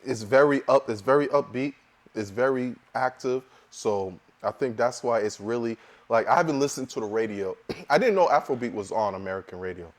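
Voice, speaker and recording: A man co-hosting a casual podcast who works as a DJ, telling relaxed, rambling stories. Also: mid-range voice, brisk. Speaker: podcast co-host and DJ.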